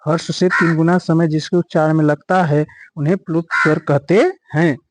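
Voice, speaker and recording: A man with a fairly high voice, teaching an exam-prep grammar lesson. He asks each question more than once, then answers it with drawn-out, stressed words. His voice sounds close and dry, with no room echo. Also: steady tone. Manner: repeats questions and answers, drawing out words for emphasis.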